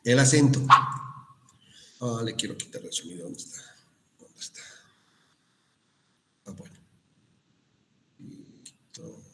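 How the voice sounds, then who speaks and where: A man's voice: mid-range voice, lively intonation, measured pace, long pauses, darkish tone, a little hiss or hum. Man lecturing on spelling rules. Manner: explanatory, frequent tag questions and restarts. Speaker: university language teacher. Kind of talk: online class lecture.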